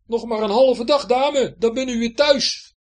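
A scared young pirate sailor stammers and begs in a high, loud, lively voice, put on by a woman reading a storybook. Each plea tumbles out in broken starts. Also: measured pace, breathy edge, full character voice. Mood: timid. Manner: stammering, pleading.

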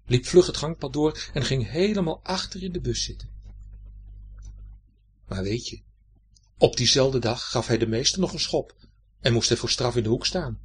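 Brief: male children's-story narrator, lively lilting delivery, slightly raspy voice. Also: medium pitch. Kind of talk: reading a children's story aloud.

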